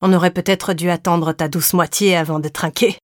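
A woman doing a young husband, wry, mocking, audiobook, low, dry. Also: steady tone, normal speed, no echo, close to an everyday voice.

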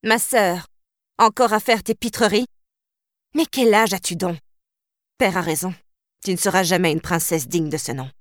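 A woman's voice: on the high side, very animated, moderate pace, dry recording, studio quality. A woman voicing a haughty elder princess who scolds and gives orders in an audiobook. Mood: scolding. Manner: cold, scolding, commanding. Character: haughty elder princess sister, stern and reproachful.

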